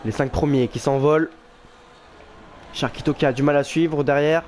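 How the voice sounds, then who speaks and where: A man's voice: a little high, steady tone, moderate pace, darkish tone. A man doing informal live motorsport commentary on an online race, reacting with exclamations and thinking aloud. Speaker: motorsport commentator for an online sim racing league. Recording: clear background noise.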